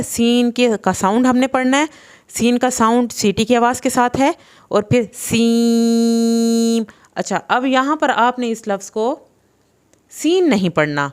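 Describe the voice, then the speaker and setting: A woman teaching Quran recitation in a patient, explanatory way, drawing out letter sounds slowly. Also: on the high side. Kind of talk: tajweed lesson.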